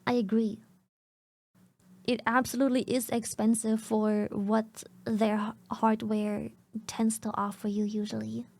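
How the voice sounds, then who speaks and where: A woman's voice: on the high side, little pitch movement, measured pace, vocal fry, darkish tone. A young woman streaming a casual reaction, talking bluntly and chattily in her groggy morning voice.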